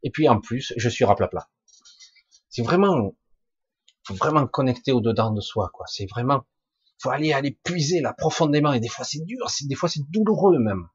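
A man with a husky, rough voice giving an informal spiritual talk to online listeners, halting yet emphatic, in colloquial, earthy wording. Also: medium pitch, animated, no echo, muffled recording. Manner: halting and emphatic, with colloquial swearing and sound-effect words. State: coughing now and then. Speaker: spiritual teacher answering listeners' questions live.

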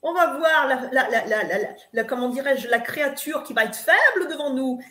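A woman's voice: high voice, animated, normal speed, sharp tone. A woman from eastern France giving emphatic spiritual advice on a live talk, lecturing with fillers and restarts. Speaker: spiritual coach guest. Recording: roomy echo.

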